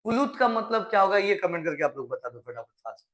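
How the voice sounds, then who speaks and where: Man, online class teacher, high voice, draws out vowel sounds, answers his own questions. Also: sing-song, fairly bright tone. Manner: coaxing, asks questions then answers them; drawn-out recited vowel sounds. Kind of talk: live online class lesson.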